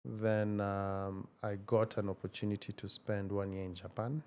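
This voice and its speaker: A man in his forties, speaking as an interview guest in a measured, reflective way with frequent hesitations. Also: on the low side, flat delivery, a little mellow, slight background noise. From Kenya. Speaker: guest, tech founder. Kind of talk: casual interview conversation.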